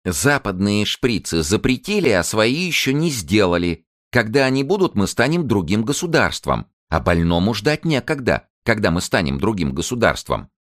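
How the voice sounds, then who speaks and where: A man voicing a shrill, excitable young female paramedic who lectures and squeals. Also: moderate pace, few pauses. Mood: lecturing.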